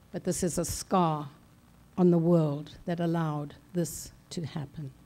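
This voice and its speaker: An older woman from South Africa speaks at a conference in a slow, deliberate way. Her voice is mellow and dark in tone. She leaves measured, solemn pauses between her phrases. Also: on the low side. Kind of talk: slow, deliberate personal speech. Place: large conference hall.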